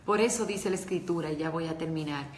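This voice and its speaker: A woman preaches a devotional talk, earnest and emotional as she speaks straight to her listeners. Her voice sits a little low. It rings in a roomy echo with faint noise behind. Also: fast talker.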